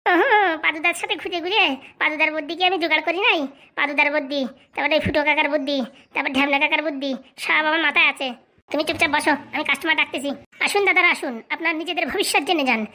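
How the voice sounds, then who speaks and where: Woman voicing a cartoon con-man fortune-teller, squeaky high, rapid-fire, bright, bossy. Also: fairly even intonation. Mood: scheming. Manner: bossy, fast-talking, scolding. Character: scheming young male con man posing as holy fortune-teller. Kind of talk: comic cartoon voice acting.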